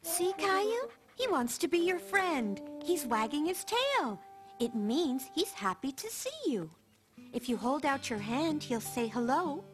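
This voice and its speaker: A woman voicing a patient cartoon grandmother who gently coaxes and reassures a frightened child. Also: high voice, sing-song, unhurried. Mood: cheerful. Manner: soothing, coaxing, reassuring. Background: music.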